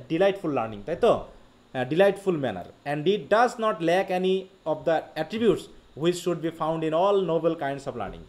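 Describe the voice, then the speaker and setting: A man with a Bangladeshi accent teaching a live online literature class. He explains quickly, reads English passages slowly and keeps asking his students questions. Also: high voice, a little mellow. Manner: quick Bengali explanation, slow read-aloud English quotes, frequent questions to students.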